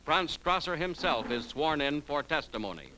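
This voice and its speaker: A man's voice: fairly high pitch, animated, normal speed, pushed and bright, a little hiss or hum, rough recording. A man narrating in the dramatic, formal, emphatic style of a 1940s newsreel. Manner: formal, emphatic announcer phrasing. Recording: vintage newsreel soundtrack with music behind.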